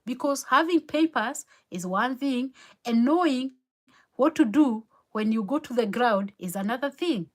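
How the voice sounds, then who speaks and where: Her voice a little high, expressive, and unhurried, a native Kikuyu-speaking Kenyan woman hosts a motivational live stream at her home in New York City. She comes across as earnest and encouraging, returning again and again to her key phrases.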